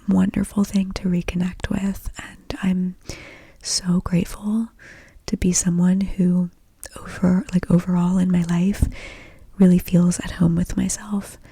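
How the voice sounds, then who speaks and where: A woman whispers softly in an ASMR style, her voice very airy and mellow. Her pitch barely moves as she confides casually, drifting from thought to thought. The sound is close and dry, with a gentle, intimate delivery. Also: no room sound. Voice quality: soft, breathy whisper. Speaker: host of an ASMR podcast. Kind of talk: whispered ASMR, casual stream-of-consciousness talk.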